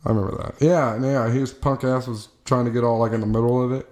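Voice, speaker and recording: A young man co-hosting a podcast, telling a story in casual chat, swearing often and acting out quotes in a high voice. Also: a little fast. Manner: animated, swears a lot, acts out quotes in a high voice. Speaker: podcast co-host.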